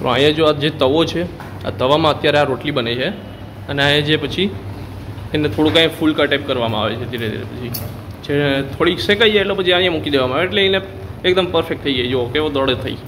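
A chatty man in his thirties talks through a restaurant meal for his food vlog, his voice sitting a little high. He lists dish after dish as he eats. Steady background noise fills the roadside dining hall. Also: fast. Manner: chatty, calls viewers brother, lists dishes. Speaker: food vlogger.

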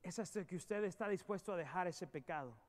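High-pitched impassioned man preaching. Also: fairly quick. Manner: impassioned preaching that swings from loud emphatic peaks to hushed, low storytelling. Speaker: pastor. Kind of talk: sermon. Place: church sanctuary.

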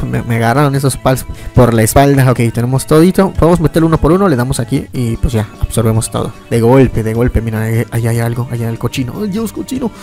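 A man giving casual, excitable gameplay commentary, often yelping and laughing at the game. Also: mid-range voice. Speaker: gaming YouTuber.

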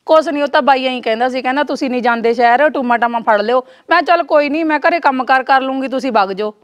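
A woman playing a young daughter-in-law who speaks softly and calmly, with a Punjabi village accent. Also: sits high, fast talker, close to an everyday voice. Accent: Punjabi village speech. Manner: soft, placating, hushing others.

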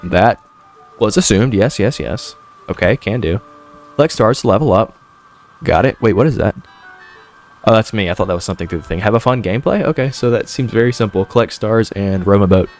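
A man's voice: fairly low pitch, brisk, darkish tone, faint music behind. A man streaming a horror game with scared, jittery reactions, repeating himself and speaking in profane, slangy commentary.

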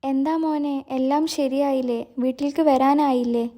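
A woman's voice: sits high, flat delivery, normal speed, dark tone, lightly acted. A woman voicing a caring middle-aged mother who worries tenderly about her son. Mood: fretful. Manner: fretful, tender.

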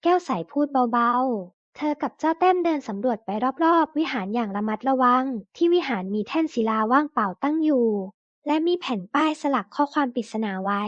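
A woman reading a children's story aloud slowly and clearly, then reading a list of vocabulary words. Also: high voice, no room sound, highs cut off.

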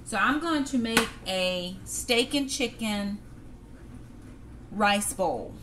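A woman's voice: mid-range voice, expressive, slow pace, a bit bright, a little hiss or hum. A middle-aged woman, chatting casually to viewers as she cooks in her home kitchen. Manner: chatty, talks to viewers as "y'all". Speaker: cooking vlogger. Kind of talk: casual cook-with-me narration. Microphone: camera on the counter. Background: clatter of dishes, pans and cutlery.

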